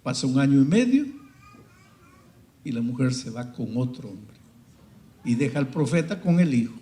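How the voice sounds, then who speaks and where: A male preacher delivers a sermon at an ordinary middle pitch, retelling a story in hushed, quiet tones before rising into loud, emotional cries. His voice rings out through the echo of a large church hall. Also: very animated, normal speed.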